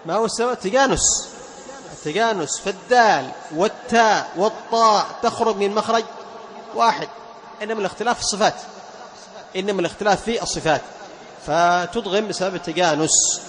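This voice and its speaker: A man teaching Quran recitation. He quizzes his students, repeats key words, and chants verse examples slowly. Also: high-pitched, fairly bright tone, a little hiss or hum. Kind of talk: lesson.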